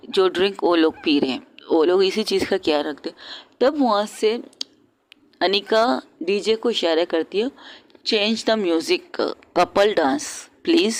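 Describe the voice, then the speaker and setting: Woman casually telling a love story. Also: fairly low pitch. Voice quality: loose, conversational retelling with fillers. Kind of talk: casual spoken story narration.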